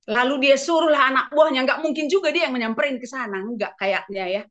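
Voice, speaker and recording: A woman preacher telling a story in a sermon, animated and full of exclamations, in a dull lo-fi recording. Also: sits high, brisk.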